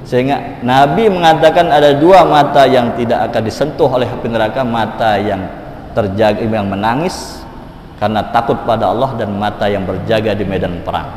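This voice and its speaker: A man giving an emotive sermon, swinging between loud exhortation and hushed pleading. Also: medium pitch, moderate pace, a little hiss or hum. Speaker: preacher. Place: mosque hall. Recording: roomy echoing hall, faint ambience.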